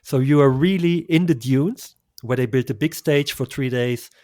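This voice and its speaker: This enthusiastic male travel guest speaks at a moderate pace in a slightly mellow mid-range voice, with no echo in the dry recording. Chatting through the interview, he offers effusive tips punctuated by small laughs.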